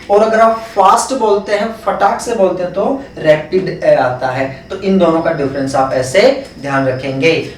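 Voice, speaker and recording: Speaking with an Indian English accent, a man teaches a phonetics lesson for exam prep, explaining step by step and answering his own questions. His voice is fairly high, with slight background noise in an echoey room and a distant mic.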